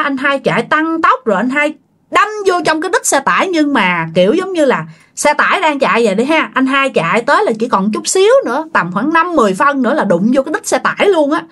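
A woman's voice: fairly high pitch, a bit bright. A woman with a Southern Vietnamese accent telling a ghost story in a chatty, casual way, addressing her listeners directly.

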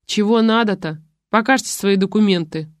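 A woman's voice: medium pitch, brisk, dry recording, studio quality, lightly acted. Woman doing a grumpy old backwoods man. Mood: grumbling. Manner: grumbling, curt, folksy.

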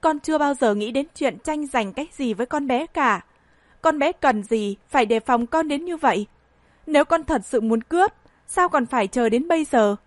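A woman's voice: high voice, lively intonation, moderate pace, no echo. A woman reading an audiobook voices a scheming woman who pleads in a self-pitying, tearful way. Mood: pleading.

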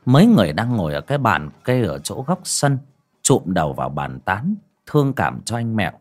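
A man's voice: lowish voice, very animated, brisk, soft background music. A man narrating a ghost story as an audiobook, with dramatic delivery.

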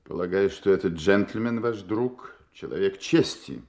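A man's voice: low-pitched, lively intonation, a little slow, darkish tone. An actor playing a proud, imperious king in a Russian audio play, stately, formal and commanding. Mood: haughty, guarded. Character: proud, imperious masked king posing as a count.

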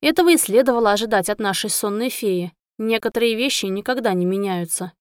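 A woman's voice: mid-range voice, a little fast, clean tone, no room sound, studio quality, close to an everyday voice. A woman voicing a brash, sardonic young friend who teases and pushes in an audiobook. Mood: wry. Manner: wry, teasing, pushy.

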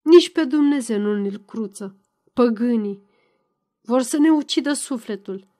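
A woman's voice: lively intonation, dark tone, close to an everyday voice. Woman murmuring as a grim old village priest. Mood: bitter. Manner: low, restrained murmur.

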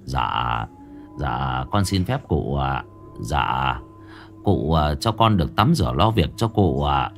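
Guy doing an old gravedigger boss, low quiet reverent murmur, slow, ghost story. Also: very animated, gravelly, soft background music, exaggerated voice. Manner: deferential, soft and slow. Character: older male gravedigger foreman, humble and reverent.

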